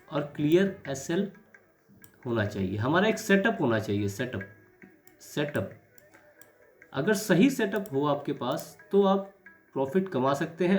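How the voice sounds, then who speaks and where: Male trading teacher, hoarse and throat-clearing, slightly raised pitch, soft music bed. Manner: reflective, repeats key words. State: sore throat. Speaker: stock market trading educator. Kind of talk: chart analysis lesson.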